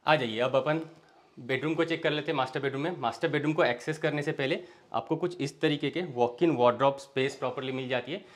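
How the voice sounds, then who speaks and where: A man's voice: mid-range voice, brisk. A young man from India giving a walking tour of a villa's bedrooms, inviting the viewer along in an easy sales patter, mixing Hindi with phrases. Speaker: real estate tour host. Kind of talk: property walkthrough. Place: indoors, large villa interior, walking room to room.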